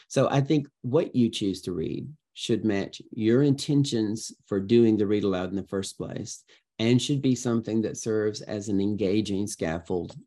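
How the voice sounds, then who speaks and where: A man with a voice on the low side answers interview questions conversationally as a guest educator. He is expressive and emphatic like a storyteller, acting out his examples.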